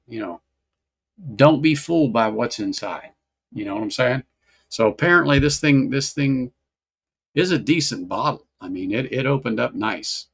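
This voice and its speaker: Greeting viewers in the chat by name, a man hosts a relaxed whiskey livestream in a gravelly, creaky, medium-pitched voice. His talk rambles loosely and circles back over phrases.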